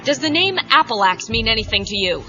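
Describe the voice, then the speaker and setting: Confident superheroine, high-pitched, forceful bright tone, commanding, audio drama, muffled tape, music behind. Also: female voice, big pitch swings, fairly quick. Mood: assured. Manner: assured, crisp, commanding. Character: confident, commanding heroic warrior princess superheroine. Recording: dull cassette audio with music.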